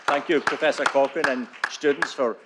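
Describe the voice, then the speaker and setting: Brief: Scottish man, mid-pitched, affable session moderator, lots of "uh" fillers. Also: steady tone, normal speed, very noisy. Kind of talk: introducing student speakers.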